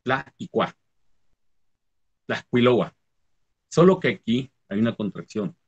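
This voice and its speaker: Husky man explaining Nahuatl words. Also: lowish voice, big pitch swings, normal speed, dull audio. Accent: Mexican Spanish. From Huasteca region of Mexico. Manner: explanatory, often checks understanding with "¿sí?". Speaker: Nahuatl language teacher. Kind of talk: conversational talk on language teaching.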